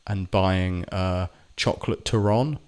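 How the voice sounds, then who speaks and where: A vlogger tells a rambling, sweary personal story to camera, often stopping to correct himself in this casual monologue. His voice is low, a little mellow and smooth, and he takes it slowly.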